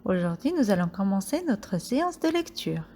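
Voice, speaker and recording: A woman teaching a reading lesson to young children, drilling syllables slowly and carefully. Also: medium pitch, big pitch swings, mellow.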